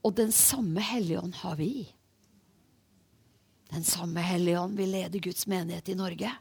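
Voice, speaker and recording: A woman preaching a sermon, animated and full of restarts, acting out the voices she quotes. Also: on the low side, gravelly, breathy edge.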